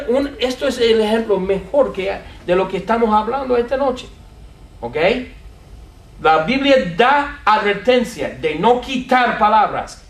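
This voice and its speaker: A man preaching a sermon to a congregation, animated, repeating words and asking them questions. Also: extremely high pitch, reverberant. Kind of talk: sermon teaching. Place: church with a congregation.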